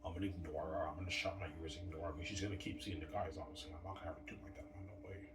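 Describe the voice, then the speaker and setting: Deep-voiced man rambling in an echoey room. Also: fairly even intonation, very fast. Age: 30s. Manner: meandering, casual, swears, argues with absent people. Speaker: vlogger. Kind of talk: late-night rambling monologue. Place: room at home, family upstairs. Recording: echoey room, distant mic, background noise and music.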